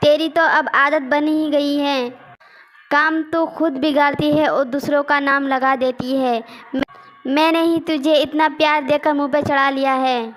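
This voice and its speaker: Woman doing cartoon mother-in-law, older, high and even, loving but stern. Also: measured pace. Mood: reproachful.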